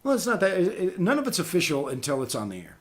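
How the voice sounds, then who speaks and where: A man with a somewhat high voice hosts a relaxed talk show. He tells stories in an animated way and acts out the lines people said to him. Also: fast. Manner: animated storyteller, acts out quotes. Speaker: podcast host and voice actor. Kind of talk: casual chat.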